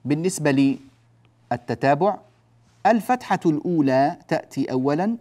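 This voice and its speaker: Guy teaching tajweed, fairly high voice, keeps asking the class if they follow, drags out the example words. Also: animated, mellow. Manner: explains step by step and often asks the class "جيد؟"; stretches out example words slowly. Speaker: Quran recitation teacher. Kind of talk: classroom lesson on tajweed rules.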